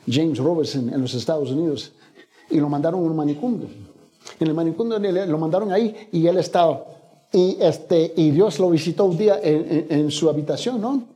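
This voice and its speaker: A man's voice: on the high side, dark tone. A man preaching a sermon as pastor, telling a story with acted-out lines and building to emphatic peaks. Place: church.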